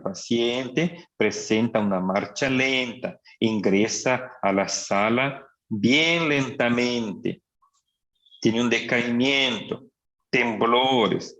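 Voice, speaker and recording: A man teaching a psychiatry class, explaining slowly and asking rhetorical questions. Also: mid-range voice, fairly bright tone. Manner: acts out patients' speech. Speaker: psychiatry lecturer. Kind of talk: lecture. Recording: dull lo-fi recording.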